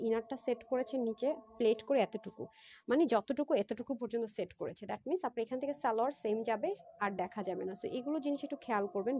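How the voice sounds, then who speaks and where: A woman's voice: fairly high pitch, warm tone, a little hiss or hum. A woman hosting a live-stream clothing sale, chatty and persuasive, often asking her viewers "right?". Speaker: online clothing seller. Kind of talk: live-stream sales pitch.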